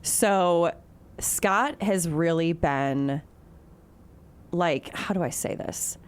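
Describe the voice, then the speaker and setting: A woman's voice: lowish voice, drawn-out words, smooth. A woman from the Chicago area, a TV news anchor, chatting in an interview with lots of fillers and restarts. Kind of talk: casual interview chat.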